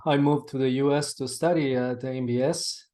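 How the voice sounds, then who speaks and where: Chilean-accented male guest; casual, halting answers, plenty of fillers, heard over a video call. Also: medium pitch, fairly even intonation, dark tone. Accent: Chilean Spanish. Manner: halting, with many restarts and "like" fillers. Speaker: interview guest, seminary director.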